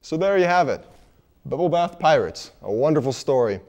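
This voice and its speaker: Man, TV host, friendly, hesitant restarts, mellow dark tone. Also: fairly high pitch, lively intonation, moderate pace. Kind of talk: local TV interview. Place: local TV studio.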